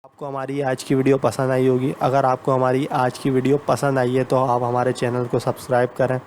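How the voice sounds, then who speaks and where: A man's voice: medium pitch, monotone, a little fast, darkish tone, a little hiss or hum. A man teaching English grammar, explaining patiently and repeating points, mixing English grammar terms into his talk.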